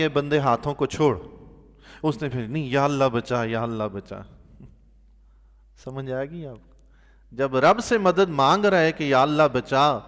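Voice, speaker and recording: A man, a mosque imam giving Quran commentary, telling stories with animated bursts of loudness and soft, quiet asides. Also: fairly high pitch, in a large hall. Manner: animated storyteller, voice swelling loudly on emphatic points; drops to a soft, quiet tone for pious exclamations. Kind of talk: sermon-style Quran commentary with storytelling.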